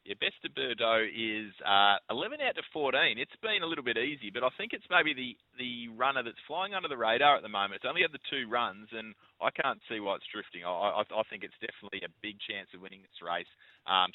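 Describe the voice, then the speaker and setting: Australian male racing tipster, rapid, stammery delivery, narrow phone-line sound. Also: fairly low pitch, no room sound. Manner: stammering, repeats words as he goes. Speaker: betting tipster and bookmaker's guest. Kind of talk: live racing odds commentary. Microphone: phone call.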